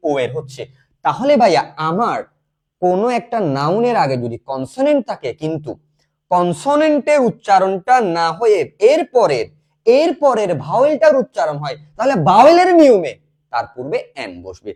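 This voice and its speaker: A man's voice: high-pitched, big pitch swings, normal speed, darkish tone. A young man teaching an English grammar class live online. He keeps asking the students questions, answers them himself, and calls them "bhaiya".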